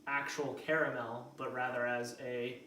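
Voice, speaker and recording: A man's voice: medium pitch, flat delivery, unhurried, pushed and bright, a little hiss or hum. A man hosting a whisky tasting, explaining flavors in a hesitant way full of ums and likes. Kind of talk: casual tasting chat. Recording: roomy sound from a distant mic.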